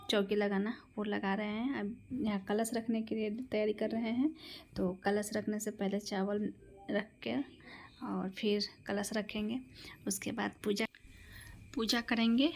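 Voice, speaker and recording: Woman vlogging from home, flat soft voice, half whispering, noisy recording. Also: mid-range voice. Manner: speaks softly, often near a whisper. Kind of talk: casual vlog chat.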